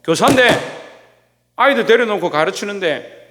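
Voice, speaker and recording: A male pastor preaching to his church in a fairly high voice. He fires questions at the congregation, answers them himself and mimics scolding lines. His words ring out with a long reverb, as in a church sanctuary. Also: expressive, normal speed, a bit bright. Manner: acts out quoted scolding in a raised voice. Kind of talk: sermon.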